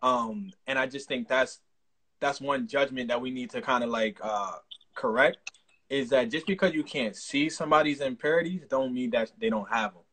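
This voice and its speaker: A man's voice: medium pitch, normal speed, fairly bright tone, poor audio. Earnest man interviewing on a livestream.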